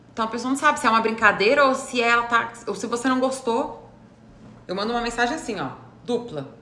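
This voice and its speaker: A woman's voice: medium pitch, bright, forceful tone. A woman psychologist with a Brazilian Portuguese accent gives a live explanatory talk, teacherly and often checking that her listeners follow. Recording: roomy echo with faint noise.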